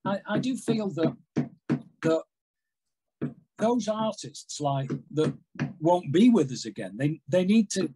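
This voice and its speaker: Older man, husky voice, lively swooping pitch, chatty storyteller, video call audio. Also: slow, pauses often, poor audio. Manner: animated, rambling storyteller with big hand gestures. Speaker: guest, music industry executive. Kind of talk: casual interview chat. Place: home room with framed records on wall.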